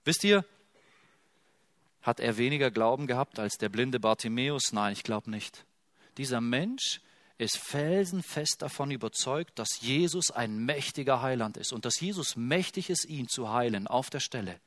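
A man preaching a sermon, telling a Bible story and switching from hushed quotes to loud, emphatic passages. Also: mid-range voice, moderate pace, no room sound, studio quality. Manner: expressive, swings from hushed to loud when quoting.

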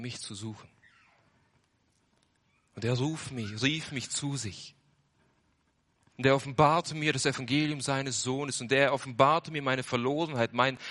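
A young man preaches his testimony in an earnest sermon voice. His tone is bright and forceful, rising into loud surges and then sinking to hushed lows. He repeats phrases for emphasis.

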